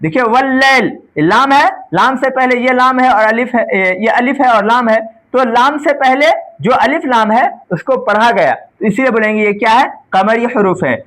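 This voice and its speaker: A woman's voice: a little high, a bit bright. A woman teacher giving an exam-prep grammar lesson. She asks the class questions, answers them herself, and keeps checking with a "right?". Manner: often adds a checking "right?" tag; spells out letters one by one, slowly.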